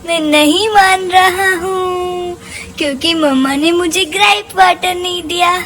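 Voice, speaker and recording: A woman's voice: very high-pitched, unhurried, a bit bright, faint music behind. A woman voicing a playful, cheeky baby boy in cutesy baby talk with doubled words, as a vlogger narrating for her baby.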